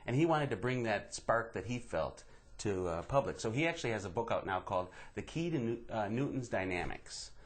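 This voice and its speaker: A man's voice: fairly low pitch, expressive, brisk. A young man from Wisconsin, a comedian guest in casual comic chat, laughing often and slipping into mock Midwestern voices.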